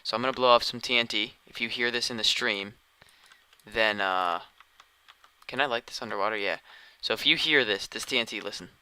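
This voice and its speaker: This gaming streamer sounds tired but talks briskly in a fairly low, clear, resonant voice that's pushed and bright. He rambles through casual live commentary, thinking out loud while playing.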